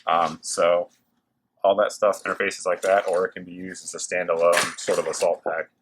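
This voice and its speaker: In a low voice with a flat delivery and a moderate pace, a man casually and enthusiastically showcases gear to camera as host of a review video. He's in a working factory with machines running and clicking behind him.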